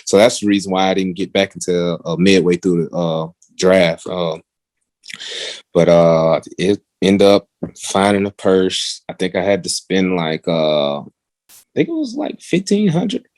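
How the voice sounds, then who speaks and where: A young man, a pro football player, casually telling a story on a podcast and jumping to a higher voice when quoting people. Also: steady tone, a little slow, darkish tone, no room sound. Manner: acts out quotes in a raised, higher voice.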